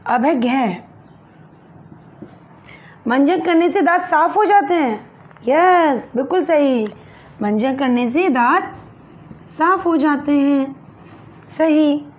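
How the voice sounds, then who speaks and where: Slow, patient woman teacher. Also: sits high, expressive, dull audio. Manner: slow and patient, spelling words syllable by syllable; addresses pupils as "beta", asks and answers her own questions. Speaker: school teacher. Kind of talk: online Hindi lesson for young pupils.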